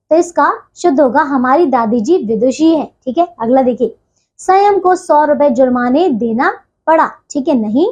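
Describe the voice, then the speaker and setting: A woman's voice: high-pitched, darkish tone. A woman teaching a grammar lesson to young children, patiently correcting words one by one and checking in after each point. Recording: dull lo-fi recording.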